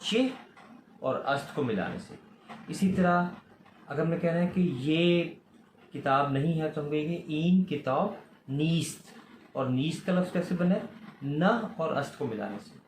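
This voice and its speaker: Patient Urdu-speaking teacher, echoey room. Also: male voice, fairly high pitch. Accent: Pakistani Urdu. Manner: patient, repeats each word slowly and asks questions back. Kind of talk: recorded language lesson for children. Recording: echoey room, faint ambient noise.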